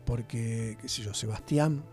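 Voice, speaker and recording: A man's voice: mid-range voice, unhurried, darkish tone, faint music behind. A man, a guest in a radio interview, talking passionately and often checking in with his listener. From Argentina. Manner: passionate, talks with rhetorical tags.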